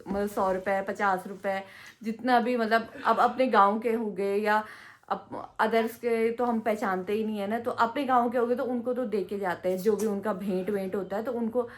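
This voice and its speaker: A woman vlogging casually, telling a story in a chatty, indignant way with many fillers and restarts, with a hill-village Garhwali touch to her Hindi. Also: mid-range voice. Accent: Hindi with Garhwali hill-village roots.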